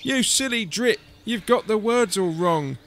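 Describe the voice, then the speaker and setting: Guy doing a mean t-rex from a kids book, shouty chanting, rowdy n grim. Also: sits high, normal speed, voice pushed up. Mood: scornful. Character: mean, grim tyrannosaurus family, boisterous hunters.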